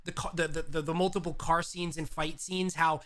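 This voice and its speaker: A man co-hosting a podcast, chatting casually in a halting way with many restarts while he recalls details. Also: fairly high pitch, flat delivery, a bit bright. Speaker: podcast co-host. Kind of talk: casual chat.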